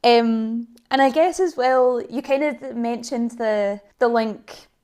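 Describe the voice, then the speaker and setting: Speaking slowly in a fairly high, darkish yet clean voice, a young woman podcast host from Edinburgh, Scotland chats through a casual interview. Her talk is full of "likes" and "kind-ofs."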